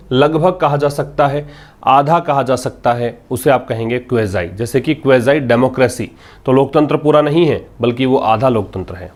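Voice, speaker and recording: A man teaching English vocabulary, patiently explaining words and repeating them, asking questions and answering them himself. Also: mid-range voice. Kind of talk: vocabulary lesson explaining a newspaper article.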